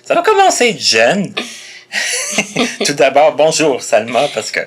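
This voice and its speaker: A man with a Quebec French accent hosting a casual interview, chatty and quick to laugh, often restarting his questions. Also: a little high, huge pitch swings, fairly bright tone, breathy edge. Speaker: podcast host.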